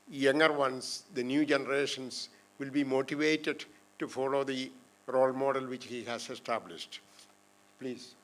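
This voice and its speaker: Flat-voiced man chairing a panel. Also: medium pitch. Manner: halting, with many fillers. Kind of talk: introducing speakers. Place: lecture hall.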